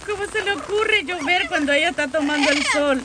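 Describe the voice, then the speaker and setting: A woman's voice: sits high, brisk. A woman talking to her pet parrot in sing-song, coddling pet talk, outdoors. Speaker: parrot owner. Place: outdoors in the rain. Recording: rain noise behind the voice.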